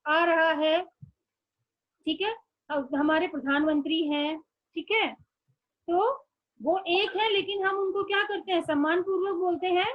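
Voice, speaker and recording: Slow, high-voiced woman teacher. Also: muffled recording. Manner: slow, patient, repeats words for young children. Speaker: schoolteacher. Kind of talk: online class lesson.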